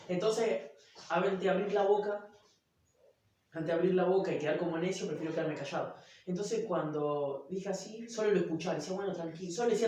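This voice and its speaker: Echoey young Argentine man telling a story. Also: sits high. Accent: Argentine Spanish. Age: young adult. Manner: animated storyteller acting out dialogue. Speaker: church youth guest. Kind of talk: testimony in interview. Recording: very echoey room, mic far off.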